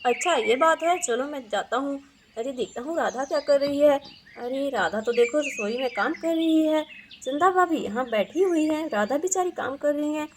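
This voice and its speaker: A woman voicing a calm village farmer man who mediates family quarrels in a doll video role-play. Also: sits high, normal speed, a little hiss or hum, pitched below the performer's own voice. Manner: reasoning, mediating.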